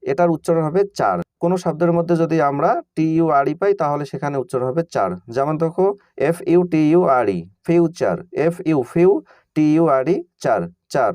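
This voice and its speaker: A man's voice: on the high side, a little mellow, no room sound. A man teaching an online lesson, spelling words letter by letter and then pronouncing them, while speaking directly to his students. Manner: addresses students informally and directly. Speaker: English reading teacher.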